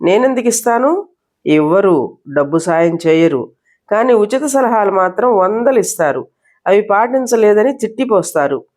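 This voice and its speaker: A woman's voice: mid-range voice, expressive, normal speed, darkish tone, close to an everyday voice. A woman reading a storybook voicing an irritated, blunt young man who grumbles impatiently.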